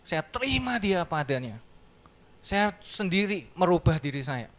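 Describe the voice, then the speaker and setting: A man giving a sermon testimony in church, telling his story in a lively way and acting out the dialogue. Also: high voice, moderate pace. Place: church service.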